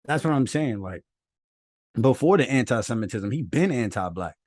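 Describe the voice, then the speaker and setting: A young man co-hosting a podcast in casual, emphatic chat, slangy and quick to laugh. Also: mid-range voice, lively intonation, a little mellow, no echo. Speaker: podcast co-host. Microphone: own mic at home, phone nearby.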